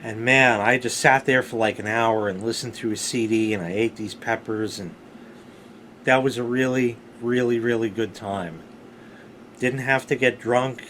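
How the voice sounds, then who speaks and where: A middle-aged man telling rambling personal stories casually, with animated, salty emphasis on key words. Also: mid-range voice, slight background noise. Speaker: storyteller, vlog host.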